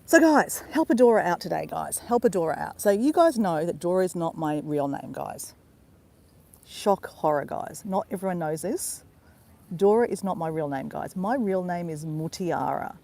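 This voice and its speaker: With a fairly low pitch, lively intonation, and a moderate pace, this Australian woman sounds creaky and a little mellow. She's a travel vlogger doing a casual live-stream chat on a walk in a park by a river, calling her viewers "guys" again and again.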